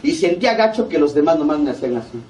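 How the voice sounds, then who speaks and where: A man's voice: fairly high pitch, sing-song, fast talker, a little mellow. Blunt, swearing Mexico City man, distant mic. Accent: Mexico City Spanish. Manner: blunt and heavily profane, acting out both sides of conversations. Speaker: AA member giving a testimony. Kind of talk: recovery meeting testimony. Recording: distant mic with faint background noise.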